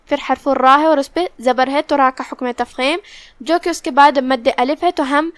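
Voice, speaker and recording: A woman teaching the rules of Quran recitation, explaining each letter step by step and then reciting slowly and drawn out. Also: sits high, fairly even intonation, no echo. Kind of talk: tajweed lesson with slow recitation.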